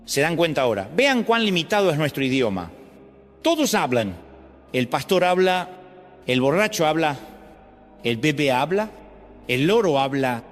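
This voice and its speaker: A man with an Argentine accent, a pastor delivering an animated sermon to his congregation. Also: normal speed, long pauses. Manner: animated preaching with sweeping pitch jumps. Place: large church auditorium. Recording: long hall reverb with faint music. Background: faint music.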